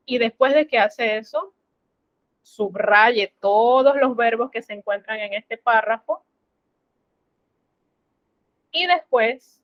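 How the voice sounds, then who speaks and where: A woman's voice: on the high side, no room sound, lo-fi sound. A woman teaching a French class online, explaining step by step in a patient, instructive way. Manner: slow, patient, instructive, addresses students formally.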